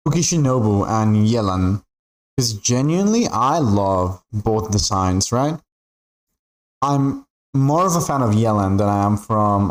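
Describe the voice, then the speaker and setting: Over a low-quality recording, this young man from Peru has a fairly low voice as he talks through a game stream. His chatter is rambling and full of fillers, with "like" and "right?" coming up again and again.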